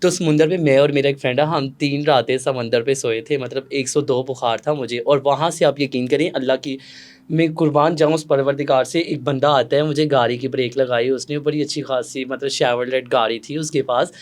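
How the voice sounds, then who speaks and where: A young man from Pakistan with a Pakistani Urdu accent, telling stories dramatically as an interview guest, jumping between loud outbursts and hushed asides. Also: medium pitch, steady tone, fairly quick. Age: young adult. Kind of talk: casual interview storytelling.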